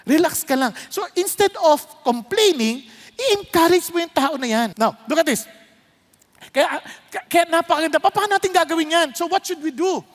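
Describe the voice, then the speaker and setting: High-voiced Filipino woman preaching. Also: animated, normal speed, in a large hall. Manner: mixes English with Tagalog, asks the congregation questions. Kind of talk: sermon to a congregation.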